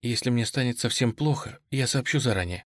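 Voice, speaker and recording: A man's voice: medium pitch, a little fast, no echo, clean studio sound, close to an everyday voice. A man voicing a frightened, tearful young woman who pleads in a trembling voice, in an audiobook reading. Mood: anxious.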